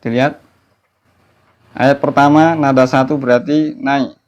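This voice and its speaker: A man teaching Quran recitation online, explaining patient steps and then chanting verses slowly in a melodic tone. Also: medium pitch, fairly even intonation. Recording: dull lo-fi audio.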